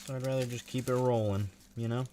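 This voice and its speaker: A man's voice: medium pitch, steady tone, fast talker, mellow, a little hiss or hum. A man streaming a truck driving game, chatting casually about the drive and eating snacks as he plays. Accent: American. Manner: chatty, laid-back, talks while eating. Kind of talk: casual livestream commentary while gaming.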